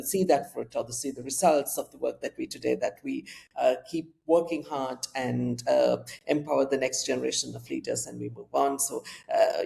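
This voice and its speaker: An interview host asking thoughtful questions in a measured, reflective way, with frequent fillers. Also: mid-range voice, creaky, mellow. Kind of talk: interview conversation.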